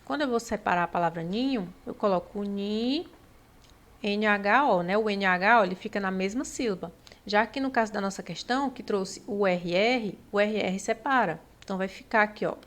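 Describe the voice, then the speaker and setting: A woman with a Brazilian Portuguese accent giving a patient exam-prep lesson, stretching out syllables and checking in often with the class. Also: mid-range voice. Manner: patient, drawn-out syllables, frequent "né?" and "ó". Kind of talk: explanatory lesson.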